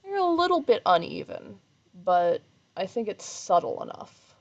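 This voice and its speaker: A woman streaming live while she sews, chatting casually in a rambling, self-deprecating way, with slight vocal fry when she talks low. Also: big pitch swings, unhurried, highs cut off. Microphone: desk microphone.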